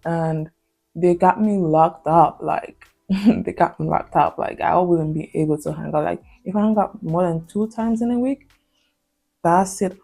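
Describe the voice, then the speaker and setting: A young Spanish woman, a native speaker with a Spanish accent, vlogs a personal story in a confessional, casual way, hesitating and leaning on fillers. Her voice is lowish, unhurried, creaky and mellow, and the recording sounds rough.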